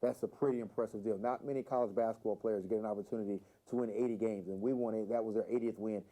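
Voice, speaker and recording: A man's voice: on the low side, steady tone, fast, mellow, rough recording. A man, a basketball head coach, giving interview answers and often repeating words as he starts a thought. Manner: repeats words as he gets going.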